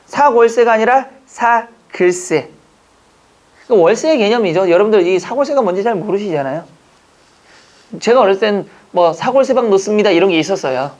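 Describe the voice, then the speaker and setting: A man's voice: high-pitched, darkish tone. Chatty male lecturer on a dull recording. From Jeju Island, Korea. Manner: chatty and joking, quizzing students with quick questions. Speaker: exam-prep Korean language instructor. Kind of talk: classroom lecture.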